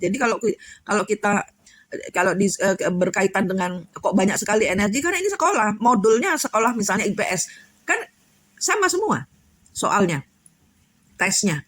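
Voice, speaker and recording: A woman with a mid-range, fairly bright voice speaks at normal speed, very animated yet prone to long pauses, and there's no echo. As a tarot reader and spiritual coach, she rambles through a casual spiritual chat full of fillers and restarts.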